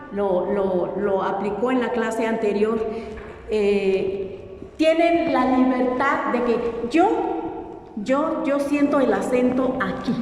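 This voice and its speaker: Slow, high-voiced woman teaching in an echoey hall. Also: a little mellow. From Oaxaca coast, Mexico. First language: Mixtec. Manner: patient, repeats words slowly with exaggerated tones. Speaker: language teacher. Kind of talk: classroom teaching. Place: university auditorium. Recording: echoey auditorium, long reverb, faint noise.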